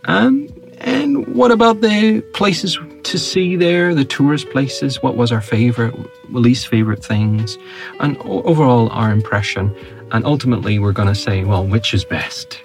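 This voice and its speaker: A man's voice: mid-range voice, normal speed, gravelly, soft background music. A man with a Northern Irish accent co-hosting a podcast in casual, unscripted, jokey banter. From Northern Ireland, UK. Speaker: podcast co-host.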